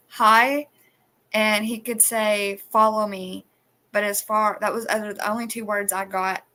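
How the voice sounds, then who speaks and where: A woman's voice: medium pitch, pushed and bright. A woman hosting a live stream, chatting casually and rambling with many restarts. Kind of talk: casual chat. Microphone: phone.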